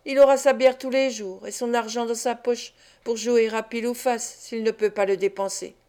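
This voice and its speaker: A woman's voice: a little high, fairly even intonation, normal speed, dark tone, close to an everyday voice. A woman reading an audiobook voices a scheming, gleeful old male fence who mocks and cackles. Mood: coaxing.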